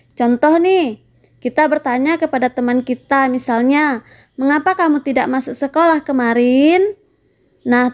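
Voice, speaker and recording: A woman narrating a primary school lesson, talking to the pupils in a friendly way and putting questions to them. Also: high-pitched. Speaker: teacher.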